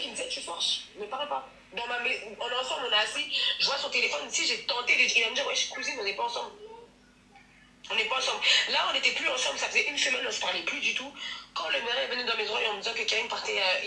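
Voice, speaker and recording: A woman tells her story on a live stream in an emotional confession, rambling, repeating herself and laughing between lines. Her voice is fairly high, gravelly, pushed and bright, and she talks rapid-fire. The audio is echoey and distant, with faint noise.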